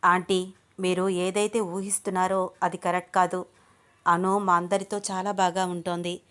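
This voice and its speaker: A woman's voice: fairly low pitch, flat delivery, normal speed, a bit bright, clean tone, lightly acted. A woman voicing a worried young man in love, speaking earnestly in a told story.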